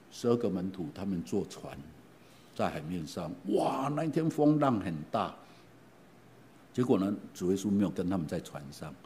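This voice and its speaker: A middle-aged man preaching a sermon, retelling stories in an animated way and often asking his listeners questions. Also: fairly low pitch. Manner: animated, asks the congregation questions, frequent fillers. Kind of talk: sermon storytelling.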